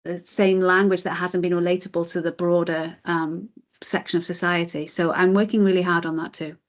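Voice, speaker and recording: Speaking briskly, with little pitch movement in a low-side voice, the British guest gives sincere, explanatory answers. She heads a mindfulness charity and is being interviewed conversationally.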